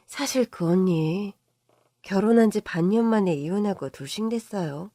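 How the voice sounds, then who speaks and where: A woman's voice: mid-range voice, dark tone, no echo, clean studio sound, close to an everyday voice. A woman voicing a tactless, smug young sister-in-law.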